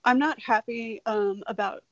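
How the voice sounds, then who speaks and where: A woman's voice: a little high, unhurried, no room sound. A woman who founded an activist group, giving casual panel commentary, her voice sounding like an old AM radio broadcast. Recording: muffled lo-fi remote call audio.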